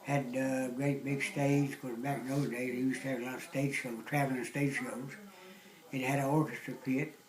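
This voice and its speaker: An older man from southwest Virginia with an Appalachian accent, casually recounting memories in a folksy, halting way. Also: mid-range voice, level tone, reverberant, poor audio. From southwest Virginia, United States. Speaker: interviewee recounting local memories. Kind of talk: casual oral-history reminiscing.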